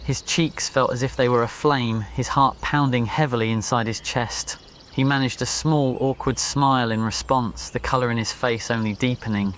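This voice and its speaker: This scripted ASMR story is read by a man whose mid-range, slightly bright voice keeps fairly even intonation at normal speed. Behind him is a nature soundscape of crickets, birds and insects, plus slight background noise.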